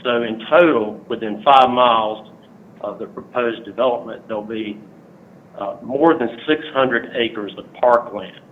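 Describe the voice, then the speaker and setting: A man's voice: mid-range voice, a little hiss or hum. Man speaking over a tinny phone line. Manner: earnest, measured, with frequent "uh" fillers. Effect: heard over a phone line. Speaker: resident speaking at a public hearing. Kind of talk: public comment read from prepared notes.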